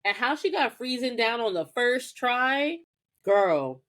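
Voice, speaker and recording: A woman's voice: on the high side, slow. A woman co-hosting a podcast, recapping a TV episode in casual chat and acting out lines with plenty of swearing. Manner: animated retelling with acted-out quotes, profane. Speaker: podcast co-host.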